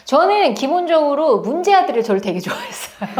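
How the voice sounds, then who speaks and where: A woman's voice: high-pitched, moderate pace. A woman in her thirties giving casual advice as a tutor, acting out students and teachers as she talks. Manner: animated, acts out quoted students and teachers.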